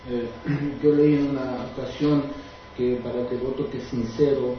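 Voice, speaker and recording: A man's voice: mid-range voice, fairly even intonation, normal speed, a little hiss or hum. Distant man asking from a very echoey room. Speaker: class member asking questions. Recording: distant, echoey, dull recording.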